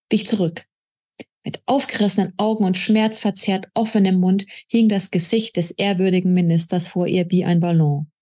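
A woman author reading aloud from her own novel in a steady, measured narrating manner. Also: lowish voice, husky.

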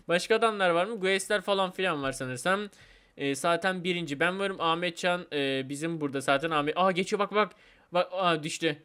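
A man hosting a let's play video, chatty and excitable, talking straight to his viewers and gleefully trolling other players. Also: on the high side, smooth. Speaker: gaming video host.

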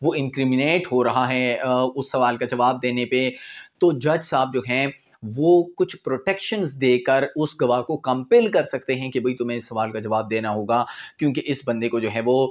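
Speaking at a normal speed in a mid-range voice, a Pakistani-accented man in his twenties teaches law informally. He chats conversationally, weaves in English terms, and plays out examples, all from a small indoor room with a whiteboard behind him.

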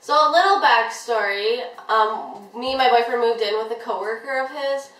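A woman's voice: on the high side, moderate pace, a bit bright, distant mic, soft background music. Chatty young woman, echoey off-mic room. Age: young adult. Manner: chatty, rambling, heavy use of "like". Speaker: vlogger. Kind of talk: casual storytime chat.

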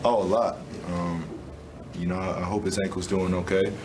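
After the game, a basketball player in his twenties sits for a press conference, giving restrained, measured answers laced with "um" and "you know." His tone stays level, and background noise fills the press room.

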